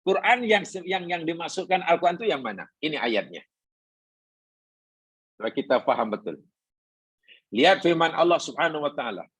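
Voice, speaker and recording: Husky-voiced Malaysian teacher giving a Quran lesson. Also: male voice, fairly high pitch, lively intonation, normal speed, long pauses, a bit bright, no echo. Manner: explains patiently, repeats points, asks the audience questions. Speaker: religious teacher. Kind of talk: Quran class lecture.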